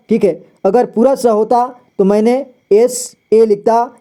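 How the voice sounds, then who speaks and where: A man teaching a lesson, patient and repetitive, often slowing down to spell out sounds. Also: high-pitched, dark tone. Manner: patient, repeats "ठीक है" often. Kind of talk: explaining a lesson.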